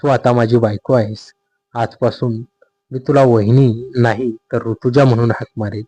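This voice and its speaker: Brief: a man as a steady, possessive young husband figure in an audio story, calm and insistent, dark husky voice. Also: mid-range voice, moderate pace, lightly acted.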